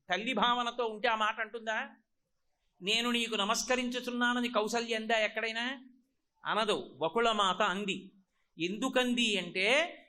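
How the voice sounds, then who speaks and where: An older man delivering a devotional discourse, telling a scripture story with a Telugu accent and slowing down to intone Sanskrit verses. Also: high voice, pushed and bright. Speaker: religious discourse speaker.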